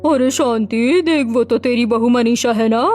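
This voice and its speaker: Woman voicing a chatty gossipy middle-aged auntie in a cartoon, complaining nonstop, highish voice. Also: unhurried, a little mellow, soft background music, lightly acted.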